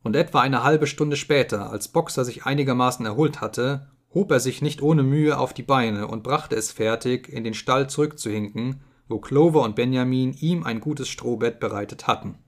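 Calm man reading an audiobook. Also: mid-range voice, normal speed, hardly any pauses. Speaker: audiobook reader. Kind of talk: scripted audiobook narration.

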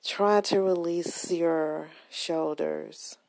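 A woman leading a guided relaxation meditation with gentle, soothing, unhurried instructions in a soft, breathy, husky voice, close to the microphone. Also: low-pitched, steady tone, dry recording.

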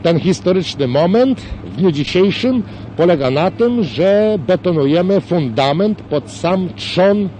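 A man's voice: high-pitched, animated, unhurried, dark tone, slight background noise. Official-sounding man on old worn tape. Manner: official, bureaucratic phrasing. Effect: played from old worn archive tape. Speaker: construction company director. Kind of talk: formal archive interview answers.

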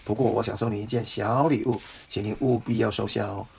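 A generous mouse king from a storybook, as a man reads him, courteous and reassuring. The voice has a gravelly grain to it. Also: lowish voice, steady tone, brisk, darkish tone, a little hiss or hum.

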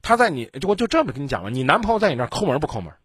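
A man's voice: fairly high pitch, very fast, husky, no room sound, studio quality. A man hosting a radio advice call-in, talking bluntly, teasing and lecturing the caller. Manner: animated, teasing, lectures and acts out angry outbursts.

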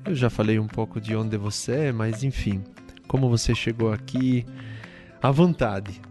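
Calm male podcast host over guitar. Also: fairly low pitch, normal speed. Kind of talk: scripted narration and interviewing.

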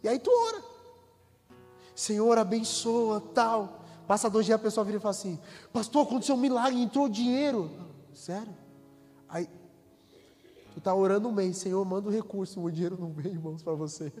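A man's voice: high voice, moderate pace, long pauses, a little mellow, in a large hall, soft background music. A man preaching a sermon as pastor in a church, acting out quoted dialogue and building to bursts of intensity.

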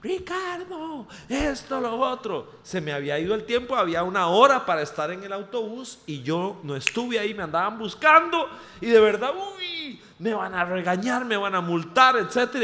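Costa Rican male preacher, lively storyteller with a high, swooping voice. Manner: animated, humorous anecdote-telling. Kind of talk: storytelling sermon. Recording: reverberant hall.

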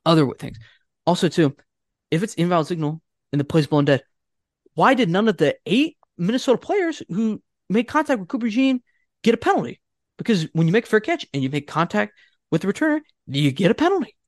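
A man on a sports podcast co-hosts with the exasperated energy of a disappointed fan. His voice swings widely between highs and lows as he argues his points. The sound is close and dry, with no room echo. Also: brisk. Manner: animated, exasperated fan ranting. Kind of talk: casual sports chat.

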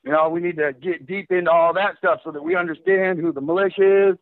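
A man's voice: a little high, steady tone, fast, dry recording. A male caller from Washington State, talking over the phone on a call-in show, fired up and rambling with lots of fillers. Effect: phone line. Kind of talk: casual call-in talk. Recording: tinny dry phone line.

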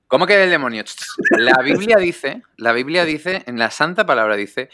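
A man hosting a casual chat in a teasing, energetic way. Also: a little high, normal speed, dry recording, clean studio sound. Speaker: host.

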